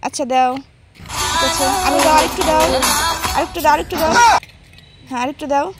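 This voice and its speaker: Over loud music and clear background noise, a young woman filming a family vlog of her little ones talks casually with the children and viewers. She coaxes them with simple instructions she repeats, speaking fairly quickly in a high voice with fairly even intonation.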